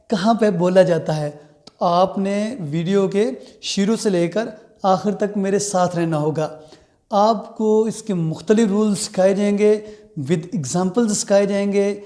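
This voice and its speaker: Man, English pronunciation teacher, very slow delivery, mellow tone, repeats phrases, switches between English and Urdu-Hindi. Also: high-pitched. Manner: deliberate, repeats key phrases; self-correcting, frequent "you know". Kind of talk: video lecture, mixing English and Urdu-Hindi.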